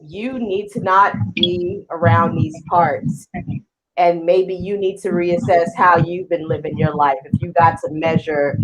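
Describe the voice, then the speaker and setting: A woman's voice: on the low side, fairly even intonation, a little slow, crowd noise, low-quality recording. A woman hosting a casual online chat who talks in a blunt, profane, emphatic way. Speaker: host.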